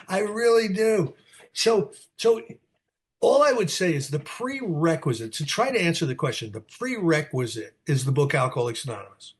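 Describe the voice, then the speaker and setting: A man's voice: a little high, very animated, moderate pace. Rambling older New man. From New Jersey. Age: 60s. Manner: goes off on tangents, repeats words. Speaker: guest speaker at a recovery meeting. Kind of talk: candid rambling talk answering questions. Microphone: video call.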